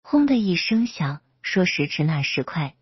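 A woman storyteller with a husky voice narrates serialized fan fiction. Her voice sits low. The recording is dry, close and dull. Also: very animated, a little slow, no room sound.

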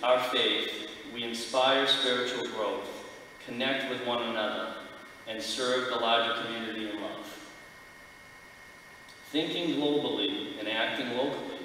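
A middle-aged man delivering a sermon from notes like a vicar, with measured, emphatic phrasing in a large church. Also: medium pitch, bright, forceful tone. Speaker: lay speaker giving a church sermon. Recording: echoey church hall, distant mic, background noise.

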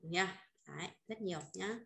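A woman's voice: lowish voice, normal speed, vocal fry, bright, forceful tone, roomy sound. A woman teaching Chinese vocabulary, repeating points and checking often with her students. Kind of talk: online vocabulary lesson.

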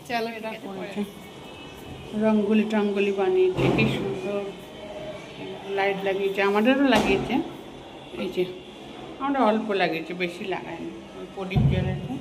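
A woman from West Bengal with a Bengali accent, chatting casually through a home vlog, rambling and filling gaps with hesitation words. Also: a little high. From West Bengal, India. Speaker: vlogger. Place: home kitchen and balcony, festival night. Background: noise, firecrackers and street ambience.

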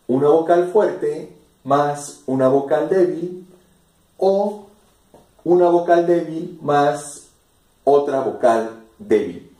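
A man with a Mexican Spanish accent teaching pronunciation, drilling sounds slowly and over-articulating each syllable. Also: fairly high pitch, dark tone, echoey room, far from the mic.

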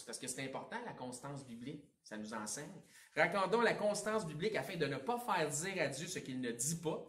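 Quebec pastor preaching in an echoey hall. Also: male voice, on the high side, distant mic. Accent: Quebec French. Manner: animated preaching, swinging between emphatic and hushed. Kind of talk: sermon. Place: church sanctuary.

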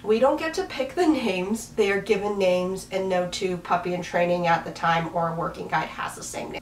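Sitting on a bed beside her dog in a small bedroom, a young Washington State woman in her twenties vlogs casually, rambling and laughing at herself. Her voice is mid-range. A camera mic a few feet off picks her up, giving roomy, somewhat distant sound with slight background noise.

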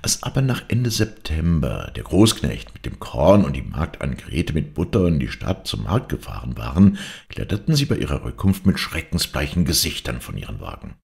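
A man reading a classic novella aloud in a dramatic, expressive storytelling manner. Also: a bass voice, normal speed, creaky. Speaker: audiobook reader.

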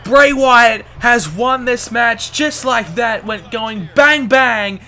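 A man doing excited wrestling commentary over video game footage, calling the action in bursts like a ringside announcer. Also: very high voice, slow pace, soft background music.

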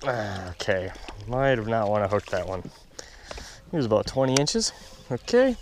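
A young fishing vlogger sits alone in a small boat on a lake, giving running commentary to the camera in a fairly low voice at normal speed. He mutters to himself, then turns excited and laughs. The camera mic on the boat picks up wind, water and slight background noise.

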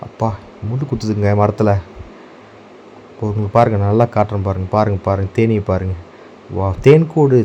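A man's voice: fairly low pitch, highs cut off, a little hiss or hum. Chatty man vlogging from his garden. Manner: chatty, calls out loudly to his dogs. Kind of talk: casual walk-and-talk vlog. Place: outdoor garden under trees.

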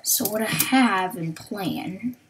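Slow, hesitant woman thinking aloud. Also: mid-range voice, fairly bright tone, slight background noise. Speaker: gaming channel host. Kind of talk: Let's Play commentary.

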